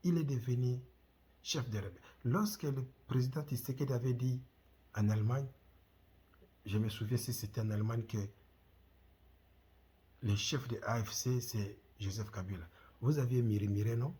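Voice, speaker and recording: Here a middle-aged host from the Democratic Republic of the Congo gives direct-to-camera commentary in French with a Congolese accent. The voice is mid-range, dark and slightly rough, with fairly even intonation, normal speed and frequent pauses. He speaks with passion, repeatedly posing rhetorical questions.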